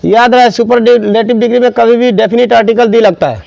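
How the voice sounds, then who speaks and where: A man teaching a grammar lesson, explaining step by step and slowly repeating key words for students. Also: very high voice, fairly even intonation, gravelly, a little mellow, no room sound, dull audio.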